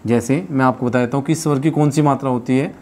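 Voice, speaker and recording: A male teacher works through a class at a patient pace, saying each key term again and again and stopping to fix his own slips. His pitch sits in a plain middle range. A faint hiss runs under the recording. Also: fairly even intonation, fast talker, darkish tone. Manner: explains step by step, repeats key terms, stops to correct himself. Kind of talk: classroom lesson.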